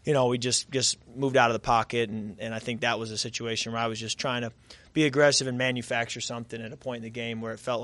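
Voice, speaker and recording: A man answering reporters after a game, tired and catching his breath, measured with many fillers and restarts. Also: mid-range voice, fairly bright tone. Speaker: quarterback at press conference. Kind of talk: post-game press conference answers.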